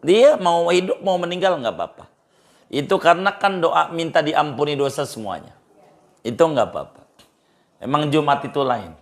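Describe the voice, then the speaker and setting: A middle-aged man, a cleric giving informal religious advice, repeating phrases for emphasis and jumping in pitch. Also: animated, normal speed. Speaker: Islamic cleric.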